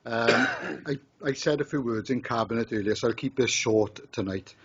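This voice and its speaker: A man's voice: mid-range voice, moderate pace, fairly bright tone, breathy edge. A man with a Welsh accent, the council leader, giving a joking farewell tribute in a council chamber. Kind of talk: tribute speech at a council meeting. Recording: dull lo-fi chamber mic.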